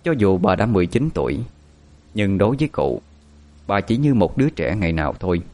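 Low-voiced storyteller. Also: male voice, very animated, fairly quick, a little mellow. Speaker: narrator. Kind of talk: storytelling narration.

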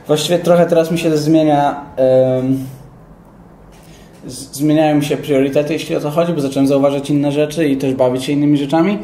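A young man talks through his ideas in a relaxed, thoughtful interview, his voice mellow and soft-edged. The sound is roomy and echoey, with a faint hiss of noise underneath. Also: fairly high pitch, brisk. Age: young adult. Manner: thoughtful, explanatory. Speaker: interviewee, rapper. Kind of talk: casual interview.

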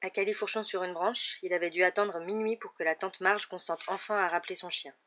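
A reader narrating an audiobook chapter in a steady storytelling tone. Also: medium pitch, fairly quick. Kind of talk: scripted narration. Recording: dull lo-fi recording.

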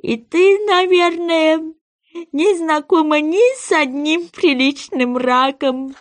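A woman voicing an excitable little male goby fish in a storybook reading, with an eager, drawn-out, sing-song delivery. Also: high voice, voice pushed up.

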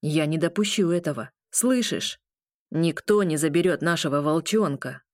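A woman's voice: low voice, normal speed, a little mellow, no echo, clean studio sound, close to an everyday voice. A woman voicing a protective, stubborn male werewolf who speaks in firm, growled declarations.

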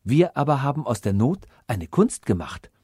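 A man's voice: medium pitch, very animated, moderate pace, a little mellow, husky, dry recording, clean studio sound. A man voicing an earnest disguised young prince. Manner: earnest, long-winded explanations. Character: young prince posing as a human.

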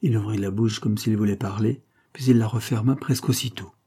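A husky, fairly low-pitched man narrates a classic novel as an audiobook. His storytelling stays measured and even.

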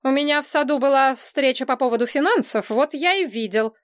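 A woman reading as a self-important fairy-tale king, proud and pompous. The voice is fairly high and the sound is close and dry. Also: lively intonation, a little fast, no echo. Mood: reporting. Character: proud, nosy storybook king, middle-aged man.

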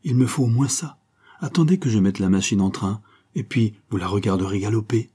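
A man's voice: lowish voice, fairly quick, dark tone, slightly rough. A man reading a novel aloud, voicing an eager young sailor who has become a writer. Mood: earnest. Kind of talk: audiobook character reading.

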